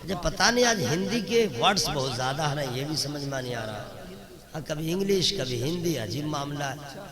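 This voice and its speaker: A man giving a religious sermon at a public gathering, swinging from loud chanted lines to quick conversational asides and mimicked voices. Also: fairly high pitch, expressive. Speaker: religious speaker. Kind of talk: Urdu religious sermon to a crowd. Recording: crowd noise behind. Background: crowd.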